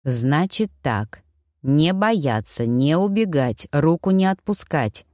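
A woman's voice: deep voice, lively intonation, slow pace, a little mellow, no room sound, studio quality, voice pushed down. A woman voicing a cocky, self-assured immortal young man in an audiobook, giving firm orders. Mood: commanding. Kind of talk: audiobook character voice.

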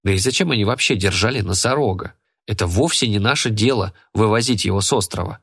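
Low-voiced male audiobook narrator. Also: fast talker, gravelly, fairly bright tone, slightly rough. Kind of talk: scripted first-person narration.

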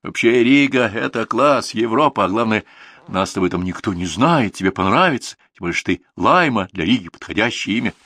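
A male reader doing a brooding man who circles his own thoughts and takes offence easily. The voice is low, with a dry, close sound. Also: lively intonation, fairly quick, fairly bright tone, no echo. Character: man, brooding, touchy, quick to anger.

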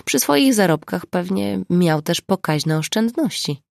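A woman narrating an audiobook in a measured, expressive reading. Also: fairly low pitch, creaky, no room sound, studio quality. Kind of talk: scripted narration.

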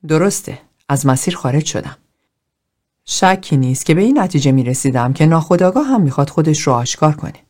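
A detached, aloof man, as a woman reads him, with a low voice that stays flat and unemotional. He answers coolly, as though nothing touches him, in a quiet audiobook reading.

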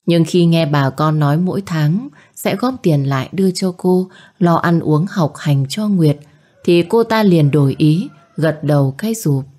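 Woman, storybook narrator, low and warm, lifts her voice for characters. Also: a little slow. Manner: voices characters by raising pitch for shouted lines. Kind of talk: scripted narration.

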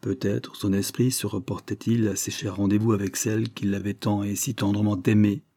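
A man reading a classic novel aloud in a measured, even storytelling manner. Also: on the low side. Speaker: audiobook reader. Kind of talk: scripted narration of a classic novel.

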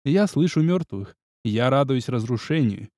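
A man reading first-person fantasy narration in a brisk, wry manner. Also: medium pitch, animated, dark tone, no room sound, clean studio sound. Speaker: audiobook narrator.

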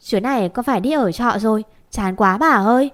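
A woman reading as a quick-tempered young woman, an elder sister who scolds and snaps. Her voice sits high and her words come sharp. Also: natural voice. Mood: snappish. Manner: snappish, scolding.

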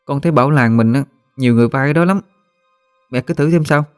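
A man's voice: mid-range voice, brisk, clean tone, soft background music, voice pushed up, close to an everyday voice. A man voicing a curious young village girl in a told story, asking eager questions.

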